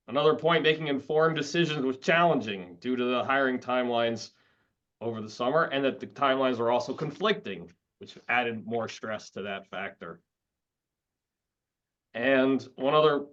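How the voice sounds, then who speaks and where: Man speaking in slightly muffled audio. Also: medium pitch. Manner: thinking aloud with restarts. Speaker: law school career services advisor. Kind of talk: panel discussion.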